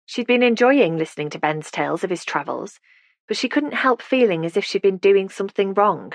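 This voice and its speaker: A woman narrating an audiobook in a measured, gentle storytelling manner, close to the mic. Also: medium pitch, expressive, no room sound. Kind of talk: scripted narration.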